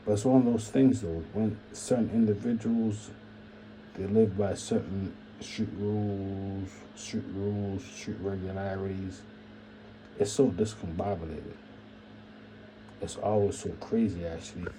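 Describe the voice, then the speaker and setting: A man riffs on his channel in a very dark, mellow voice that sits a little low. He rambles and repeats phrases, musing out loud and dropping quiet half-joking asides, with faint room ambience behind him. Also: steady tone, a little slow, a little hiss or hum, low-quality recording. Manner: repetitive, musing, keeps saying "imagine that". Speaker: channel host. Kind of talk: rambling solo commentary.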